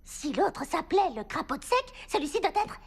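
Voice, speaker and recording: A woman voicing an excitable, skeptical schoolchild in a cartoon, with a bossy, animated manner. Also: very high-pitched, brisk, heavily acted. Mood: worried. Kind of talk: cartoon dub acting.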